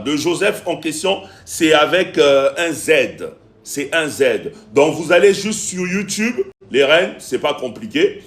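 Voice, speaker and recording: Guy on a phone live stream, kinda high voice, says the same thing over and over, lots of euh and voilà, keeps begging viewers for support. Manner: repetitive, pleading with viewers, many fillers. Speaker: live-stream host and music producer.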